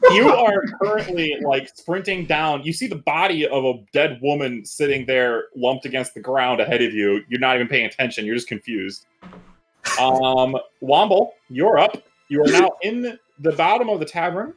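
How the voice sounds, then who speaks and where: A man's voice: on the high side, normal speed, soft background music, low-quality recording. A man running a tabletop game as game master, narrating loosely with casual swearing. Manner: loose, profane, laughing narration.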